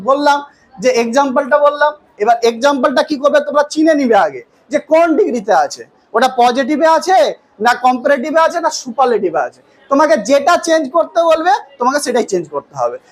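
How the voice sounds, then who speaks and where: A woman's voice: high-pitched, animated, a little fast, rough recording. A woman teaching an English grammar lesson. She quizzes her students with questions, then answers them herself. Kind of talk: classroom lesson.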